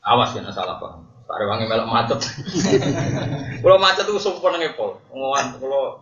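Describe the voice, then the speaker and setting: A man's voice: mid-range voice, sing-song, a bit bright. Javanese man teaching, heard from far off. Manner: joking, laughing often, chanting Arabic verses slowly. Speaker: religious teacher. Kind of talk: religious study lecture. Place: large hall at a religious boarding school. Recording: dull, roomy, distant.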